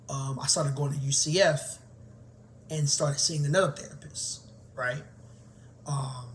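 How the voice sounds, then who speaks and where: A man's voice: on the high side, slight background noise. A man, a teacher candidly telling his own story in a conversational way. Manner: candid, conversational, grows animated. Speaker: teacher and vlogger. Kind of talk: personal storytelling to camera.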